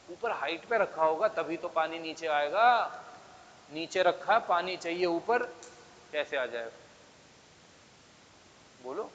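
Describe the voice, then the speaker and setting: Male classroom teacher, slightly high voice, keeps quizzing the class; dull, echoing hall sound. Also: fairly bright tone, slight background noise. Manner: coaxing, keeps asking the class questions. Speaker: physics teacher. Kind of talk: classroom lecture. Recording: dull sound with long reverb.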